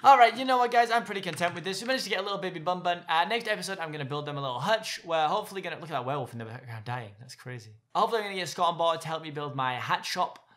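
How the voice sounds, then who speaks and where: A young man giving excitable let's play commentary, gushing over and talking to the animals in his game. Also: on the high side, very fast, hardly any pauses. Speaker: gaming YouTuber.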